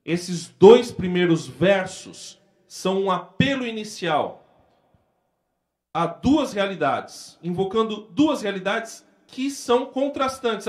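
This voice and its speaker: A man's voice: sits high, animated, slow pace. A man with a Brazilian accent preaching a sermon as pastor, retelling scenes vividly in everyday speech.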